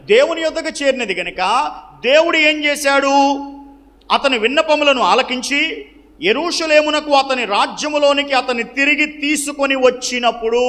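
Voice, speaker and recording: High-voiced man teaching scripture, reverberant hall. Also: bright, forceful tone. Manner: asks the listeners questions and answers them himself; repeats key phrases for emphasis. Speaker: preacher and Bible teacher. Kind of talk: question-and-answer Bible teaching. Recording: long reverb of a large hall.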